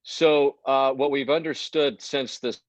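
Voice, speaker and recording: A man's voice: mid-range voice, fairly even intonation, a little slow, no echo. A man, a golf broadcaster, talking as a guest over a video call whose audio keeps breaking up. He rambles and restarts his sentences. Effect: choppy video call audio breaking up. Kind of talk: casual phone-in interview chat. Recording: dull lo-fi video call line.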